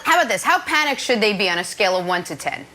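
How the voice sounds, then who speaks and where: A woman hosting a sports talk show, briskly reading segment intros and setting up questions. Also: medium pitch, sing-song, pushed and bright, slight background noise. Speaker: host.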